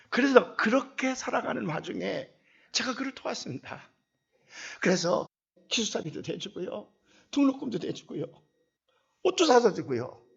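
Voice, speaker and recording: A man's voice: sits high, vocal fry, husky, muffled recording. A man in his seventies preaching a sermon, telling a personal story and acting out the dialogue with rising indignation. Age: 70s. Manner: animated, acts out dialogue, voice swells with indignation. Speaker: pastor.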